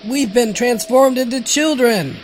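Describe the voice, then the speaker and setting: A man's voice: very high voice, unhurried, a little hiss or hum. An actor playing a timid, whining boy in a comedy audio drama, protesting in a childish manner. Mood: whiny. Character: whiny, timid boy transformed from an adult.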